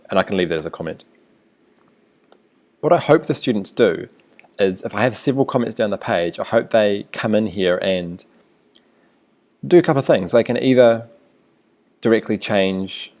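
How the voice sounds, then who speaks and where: A teacher with a New Zealand accent and a deep voice walks through a screencast tutorial, sounding relaxed as he thinks aloud.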